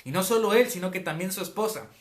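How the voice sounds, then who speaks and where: A man's voice: high voice, expressive, fast. A man giving a casual, conversational Bible teaching as a preacher, often checking in with his listeners. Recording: roomy echo.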